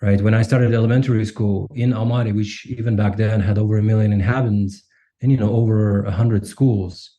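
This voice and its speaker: A man in his forties from Kazakhstan, whose first language is Russian, speaks in a low, mellow voice. He answers interview questions thoughtfully, building his points step by step and often checking in with a questioning "right?". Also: steady tone, dull audio. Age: 40s. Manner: measured, reflective, ends points with a questioning "right?". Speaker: guest.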